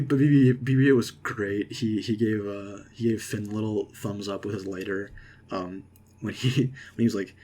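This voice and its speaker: Rambling young man, husky low voice. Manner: rambling and excited, many fillers and restarts. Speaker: vlogger. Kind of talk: casual movie reaction monologue.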